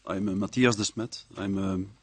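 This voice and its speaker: A man speaking as a professor, giving a measured, reflective talk to a live audience. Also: low-pitched, steady tone, husky. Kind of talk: public speech at a presentation. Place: live event before an audience.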